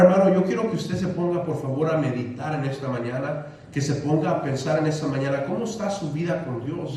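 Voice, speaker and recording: A man's voice: high-pitched, darkish tone. A man preaching a sermon as pastor, using emphatic repetition and calling the congregation brothers. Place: church sanctuary. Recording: echoey church hall, mic at a distance.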